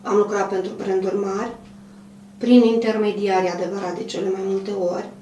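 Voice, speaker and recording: A woman in her fifties who runs a clothing manufacturer, answering an interview in a measured, hesitant way with many pauses. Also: medium pitch, little pitch movement, warm tone. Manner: measured, hesitant, frequent pauses and throat clearing. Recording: roomy, distant mic, faint hum.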